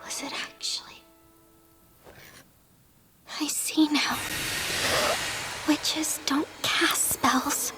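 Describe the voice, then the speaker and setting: A woman's voice: high voice, extremely slow, long pauses, in a whisper. A woman voicing an eager, wide-eyed, earnest little girl in an anime dub. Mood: hushed, awed. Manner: excitable, breathless, earnest. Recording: loud music behind the voice.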